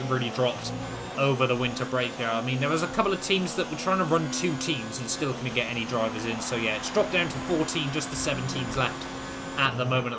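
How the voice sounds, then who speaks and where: A man's voice: medium pitch, heavy background noise. A man giving conversational, rambling commentary on a racing video game he played. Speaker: gaming video host, league racer.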